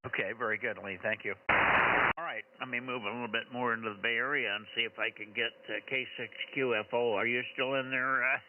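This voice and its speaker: A man running an amateur radio net as net control, steady and businesslike. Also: medium pitch, fairly quick. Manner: steady, businesslike with light chuckles. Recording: tinny radio transmission under loud static.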